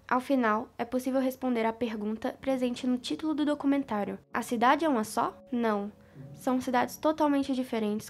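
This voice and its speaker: Woman reading a film analysis. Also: a little high. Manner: even, reading aloud. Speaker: student presenter. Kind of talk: scripted video-essay narration.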